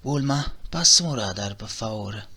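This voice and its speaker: A man's voice: on the low side, lively intonation, moderate pace. A man voicing an earnest, determined martial-arts hero with a colloquial manner and a Neapolitan accent in a parody cartoon dub. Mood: friendly, brisk. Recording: music under the voice. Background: music.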